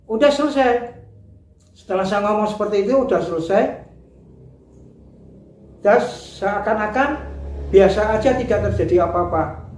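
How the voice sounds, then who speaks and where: A man telling his personal faith testimony in an earnest, repetitive way. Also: sits high. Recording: roomy echo.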